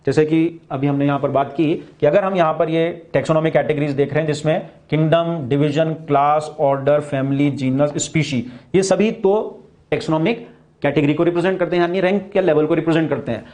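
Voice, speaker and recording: A man with an Indian accent lecturing on biology, switching between Hindi and slow, deliberate English for key terms. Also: on the high side, fairly even intonation, darkish tone. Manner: explains in Hindi, then slowly restates key points in English. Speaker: biology teacher. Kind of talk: recorded classroom lecture.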